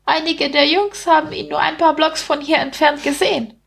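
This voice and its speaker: A woman voicing a cheeky, gossiping male street rat in an audiobook reading, in a high, mocking voice. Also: steady tone, normal speed, creaky, fairly bright tone. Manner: indignant, mocking, high squeaky voice.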